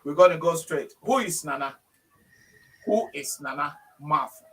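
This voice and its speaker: A man's voice: a little high, expressive, normal speed, distant mic. A man hosting a conversational interview, speaking emphatically and repeating his phrases. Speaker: talk show host.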